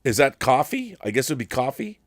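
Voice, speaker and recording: Hosting a live stream show, this man chats casually while unboxing items and reading letters, effusive and full of enthusiastic exclamations. His medium-pitched voice swings widely in pitch and moves fairly quickly. The recording is clean studio sound with no room echo.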